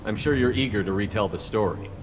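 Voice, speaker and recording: A stern military commander, played by a man in a video game. His low voice is measured and matter-of-fact, ringing with long reverb over clearly noisy ambience. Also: natural voice. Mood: dry, firm.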